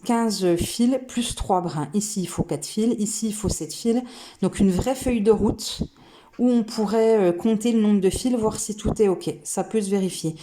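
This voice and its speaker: Slight background noise accompanies this casual to-camera unboxing, where a woman eagerly opens cross-stitch kits for her craft channel. Her voice is mid-range and dark, and she hesitates frequently while musing aloud.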